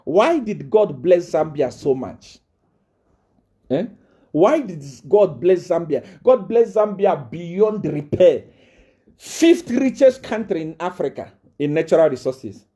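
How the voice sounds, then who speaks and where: A man delivers a live-streamed rant, swinging his pitch widely up and down. His tone is dark and mellow as he boasts, threatens and repeats himself over and over. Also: very animated, takes it slowly. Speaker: self-styled prophet addressing viewers. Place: South Africa.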